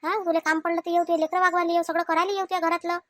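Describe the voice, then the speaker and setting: Cartoon: high, fast, pleading widowed aunt, voiced by a woman, Vidarbha Marathi accent. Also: little pitch movement, fairly bright tone, no room sound. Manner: pleading, self-defending. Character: meek childless widowed aunt, wronged. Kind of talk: cartoon family comedy.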